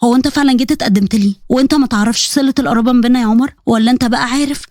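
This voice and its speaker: A prickly young bride-to-be, sharp and challenging in an Egyptian accent, voiced by a woman. Her voice is fairly high and very quick. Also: no room sound, studio quality, close to an everyday voice.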